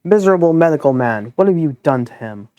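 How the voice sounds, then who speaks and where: A man's voice: fairly high pitch, lively intonation, a little fast, a little mellow, no room sound, lo-fi sound, natural voice. A man voicing a haughty young aristocratic male pigeon who hurls formal, scornful insults.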